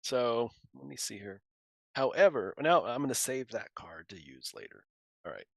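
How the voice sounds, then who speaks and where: A man's voice: medium pitch, very animated, moderate pace, gravelly, no room sound. Playful man thinking aloud over a board game. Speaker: guest player. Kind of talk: casual livestream chat while playing.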